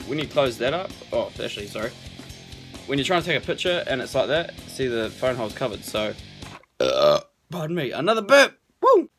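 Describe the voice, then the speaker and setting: A young man filming a casual unboxing vlog, excitable and swearing a lot, with loud bursts of delight. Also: mid-range voice. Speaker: vlogger. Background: music.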